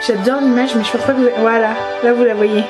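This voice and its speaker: A woman's voice: on the high side, steady tone, fast talker, music in the background. A young woman chatting casually about her monthly beauty favorites, enthusiastic and full of fillers and restarts. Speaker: beauty vlogger.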